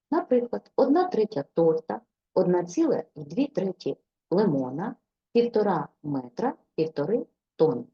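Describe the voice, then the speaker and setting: A woman teacher giving a scripted grammar lesson to students, in a clear and deliberate teaching delivery. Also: medium pitch, mellow, dull audio.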